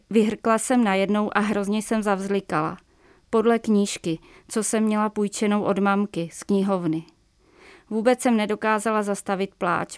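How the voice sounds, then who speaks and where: A woman's voice: medium pitch, clean tone, no echo, studio quality. Woman author reading her prose aloud. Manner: measured, even reading with small slips. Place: radio studio.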